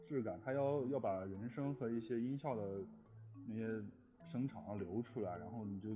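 A man appears as a guest in a casual chat, a music arranger and score composer who tells stories animatedly while playfully complaining. His voice sits at a medium pitch, and the muffled lo-fi recording has background music playing behind him.

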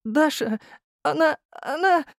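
A man's voice: high voice, slow pace, gravelly, darkish tone, no echo, studio quality, pitched above the performer's own voice, exaggerated voice. A man voicing a whiny young male deputy officer who whimpers and sniffles, in an audiobook. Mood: sobbing. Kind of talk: audiobook character voice.

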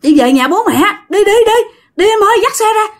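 A woman's voice: sits high, animated, moderate pace, voice pushed up. A woman voicing a panicked young husband, urging over and over in a rush. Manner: frantic repeated urging.

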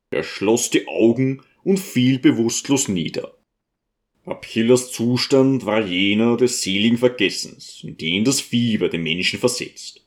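Ein Mann, der einen Roman als Hörbuch ausdrucksvoll vorliest. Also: male voice, mid-range voice. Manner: expressive storytelling. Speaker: audiobook narrator. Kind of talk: reading a novel aloud.

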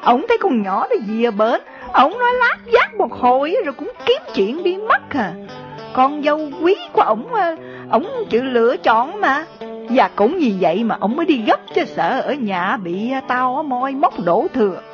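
A woman's voice: high voice, very animated, normal speed. A woman voicing a weary, scolding older country mother with a Southern Vietnamese accent, in radio drama style. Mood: complaining. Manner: nagging, complaining. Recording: dull lo-fi recording, faint music.

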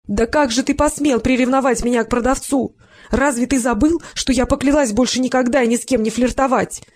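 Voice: high voice, very animated, fairly quick, darkish tone, pitched above the performer's own voice. A reader doing a shrieking quarrelsome wife. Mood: indignant. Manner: shrieking, indignant. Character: plump shrill quarrelsome wife.

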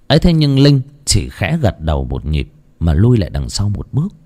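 A man narrating a ghost story in an expressive, dramatic storytelling manner. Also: lowish voice, moderate pace.

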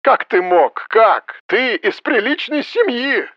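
A man doing a shrill, furious father. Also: very animated, slow pace, no echo, dull audio, exaggerated voice. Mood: outraged. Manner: shrill, breaking with anger. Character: outraged middle-aged father, proud and furious.

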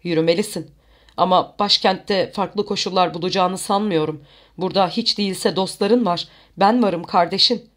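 Read by the narrator as a worried older brother, slow and warning, storybook reading. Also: medium pitch, a bit bright, close to an everyday voice. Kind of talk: audiobook character voice.

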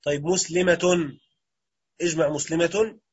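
A man's voice: a little high, steady tone, a little slow, husky, dull audio. A man with an Egyptian Arabic accent teaching Arabic grammar in a classroom lecture, quizzing students and repeating their answers.

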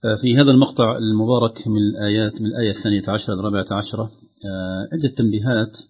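A man teaching Quran recitation, calmly explaining the rules and slowly reciting examples aloud. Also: lowish voice, slightly rough. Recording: dull lo-fi radio sound.

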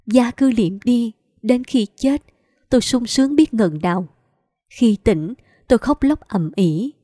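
A woman's voice: fairly high pitch, expressive, unhurried, dark tone, dry recording, clean studio sound. A woman narrating a story in the first person, in a plaintive, lamenting way. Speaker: audiobook narrator.

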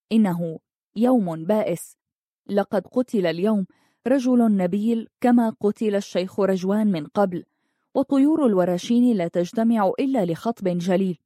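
A woman narrating a scripted story in a steady, measured reading. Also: medium pitch, no echo, clean studio sound.

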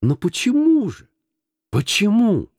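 A man's voice: medium pitch, very animated, moderate pace, warm tone, no echo, clean studio sound. Man doing an eager pleading young nephew. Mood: earnest.

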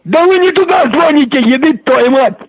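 A man's voice: very high voice, expressive, moderate pace, no echo. A man answering the phone, impatient and irritated, repeatedly asking who is calling. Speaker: call recipient.

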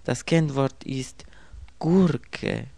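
Man doing a young foreign woman, slight accent, breathless and urgent, high and loud, dry close sound, radio-play reading. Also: slow pace, no room sound. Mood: panicked.

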